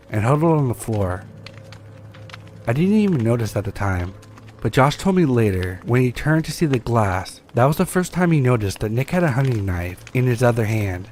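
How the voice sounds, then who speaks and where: Male horror-story narrator, mid-range voice, calm measured read. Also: mid-range voice, a little hiss or hum. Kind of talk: scripted first-person horror story narration.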